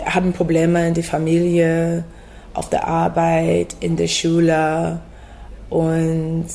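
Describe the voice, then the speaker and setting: A woman from the United States with an American accent, a café owner answering interview questions in halting German full of fillers. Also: low-pitched, vocal fry, mellow. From USA. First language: English. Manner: halting, searching for words, many fillers.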